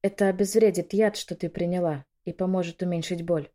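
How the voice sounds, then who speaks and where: A woman's voice: fairly low pitch, steady tone, brisk, dark tone, natural voice. A woman playing a commanding, caring older lady. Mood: urgent, soothing. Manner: urgent, giving orders, then soothing.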